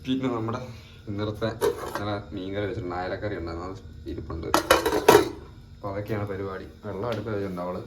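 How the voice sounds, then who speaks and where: A man's voice: lowish voice, fairly even intonation, fast talker, long pauses, loud music behind the voice. A man who is a family vlogger, chatting casually to camera and speaking directly to his viewers from a family home. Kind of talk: casual vlog chat to camera.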